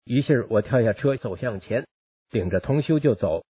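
A man reading a first-person account aloud in a steady, even narrating manner. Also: mid-range voice, normal speed, breathy edge, no echo. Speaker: reader of a personal testimony.

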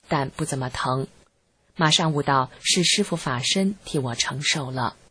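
A narrator reading a first-person account aloud in an earnest, measured way. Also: medium pitch, a bit bright, breathy edge. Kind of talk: scripted narration.

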